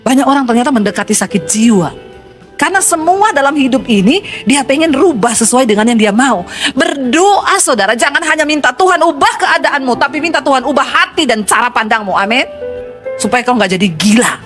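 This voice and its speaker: A middle-aged woman pastor delivering a sermon in an emphatic, exclamatory preaching manner with sudden leaps in pitch. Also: expressive, a little fast, a bit bright, faint music behind.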